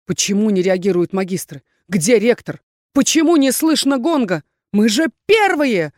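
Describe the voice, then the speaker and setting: A woman's voice: mid-range voice, sing-song, moderate pace, darkish tone, no echo, clean studio sound, natural voice. A woman voicing an indignant young male student.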